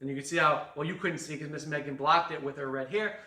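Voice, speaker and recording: A man's voice: fairly high pitch, fairly even intonation, quick pace, bright, forceful tone, echoey room, far from the mic. A man as fitness coach, leading a guided stretching class with jokes and countdowns. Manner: joking, upbeat instruction with counting. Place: fitness studio.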